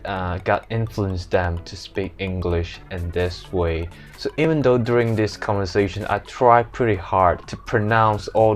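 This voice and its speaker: Man, low pitch, casual lesson narration, clear background music. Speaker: host of an accent explainer video. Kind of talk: casual explanatory lesson to camera.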